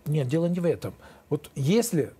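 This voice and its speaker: Man in his fifties, lawyer guest, halting and defensive, mellow and somewhat high. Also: very animated, slightly rough. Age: 50s. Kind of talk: interview answers.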